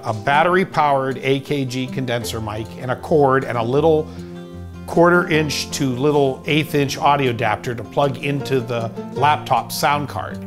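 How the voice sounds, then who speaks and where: Casual man recalling, music underneath. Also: medium pitch. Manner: rambling, casual recollection with many fillers. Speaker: producer. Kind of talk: documentary interview.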